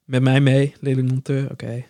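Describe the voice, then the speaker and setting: A man in casual chat, telling animated anecdotes full of acted quotes and laughter. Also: mid-range voice, moderate pace, dry recording, clean studio sound.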